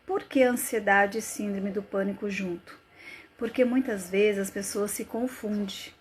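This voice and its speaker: A woman's voice: fairly high pitch, a little mellow. A woman psychologist hosts a live stream, talking conversationally and greeting viewers by name. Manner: conversational, addresses viewers as gente. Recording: noisy live-stream audio.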